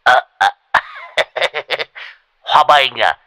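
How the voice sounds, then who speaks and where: A loud, goofy old man yells his boasts in a high, cracking voice, swinging wildly up and down, as a man puts him on. He laughs as he talks. The voice is close and dry. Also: lively intonation, drawn-out words, clear, resonant tone, no echo, full character voice. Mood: jolly.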